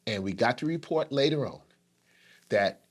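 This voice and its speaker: A man's voice: expressive, moderate pace. Middle-aged man telling an emotional story. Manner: emotional, rises in pitch when retelling intense moments. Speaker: co-host. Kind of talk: personal storytelling.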